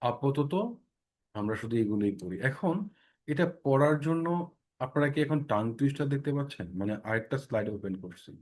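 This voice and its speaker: A man's voice: mid-range voice, lively intonation, a little fast. Man, pronunciation teacher, online class, repeats sounds, checks in often. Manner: explains patiently, repeating sounds many times and checking in with "ঠিক আছে?".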